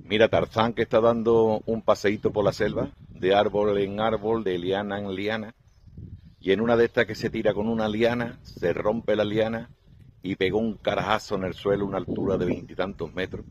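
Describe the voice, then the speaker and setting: Low-voiced Spanish man telling jokes. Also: moderate pace, highs cut off, slight background noise. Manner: lively storyteller, acting out dialogue. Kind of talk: joke telling.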